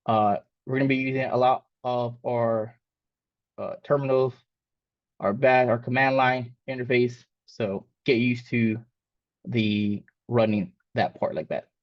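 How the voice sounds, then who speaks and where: At a measured pace and with flat delivery, a Mexican-born man with a mid-range voice leads a live coding lesson. A native Spanish speaker, he rambles casually, with lots of fillers and restarts. The sound is dull lo-fi, with no room sound.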